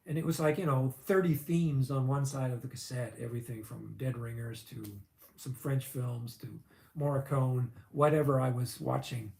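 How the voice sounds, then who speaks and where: A man's voice: medium pitch, steady tone, normal speed, creaky, darkish tone, reverberant. A man in his fifties, a vlogger, telling a long personal story in a chatty, rambling way full of fillers and asides. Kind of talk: casual storytelling.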